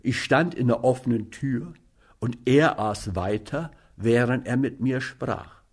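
A man reading a literary story aloud as narrator, in measured, even storytelling. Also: mid-range voice, slightly rough. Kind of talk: audiobook narration.

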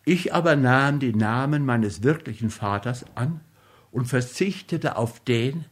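A man reading a literary story aloud in a measured, solemn manner. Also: medium pitch. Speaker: narrator.

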